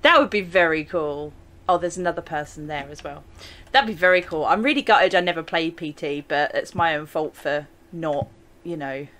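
A woman's voice: deep voice, moderate pace, fairly bright tone, slight background noise. A young English woman casually commenting as she plays a video game, chatty and exclamatory, often breaking into laughter. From England. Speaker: gaming channel host. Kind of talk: let's play commentary.

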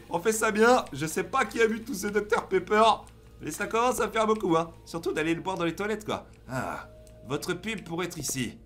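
A young man playing a horror game and commenting excitedly to his viewers, reading the game's prompts aloud. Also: a little high. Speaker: gaming YouTuber. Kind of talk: let's play commentary.

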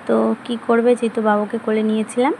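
A woman's voice: a little high, level tone, fast talker, slight background noise, rough recording. A young woman chatting through her day in a casual home vlog, giving a running commentary. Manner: speaks softly so the sleeping baby is not disturbed. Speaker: vlogger.

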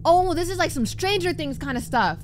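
A young adult woman streams a game, reacting casually and animatedly, talking back to it and sometimes reading on-screen text aloud. Her voice is very high and fairly quick, with a little hiss or hum in the recording.

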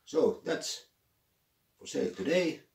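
An older man, a craftsman talking casually about his work in a workshop, pausing often with "uh". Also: on the high side, very animated, vocal fry, a little mellow, roomy sound, slight background noise. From Finland. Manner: unhurried, with frequent "uh" pauses. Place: cluttered indoor workshop.

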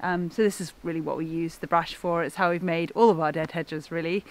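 A young woman hosting a farm vlog, talking in a relaxed, thoughtful way with plenty of fillers, filmed outdoors and in a goat shed. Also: on the low side, a little fast. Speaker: farmer and vlog host.

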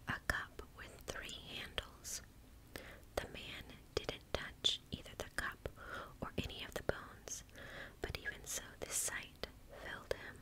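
In a small indoor space in front of a curtain, a woman in her thirties whispers a story close to the mic, ASMR style, with gentle, careful, deliberate phrasing. The audio quality is poor.

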